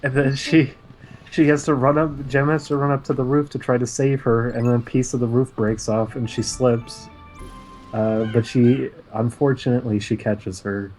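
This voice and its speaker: A man chatting casually on a stream, retelling a cartoon episode in a rambling way with frequent "uh" pauses. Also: mid-range voice, fairly even intonation, darkish tone, soft background music, poor audio. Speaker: stream co-host. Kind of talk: casual chat recapping cartoons.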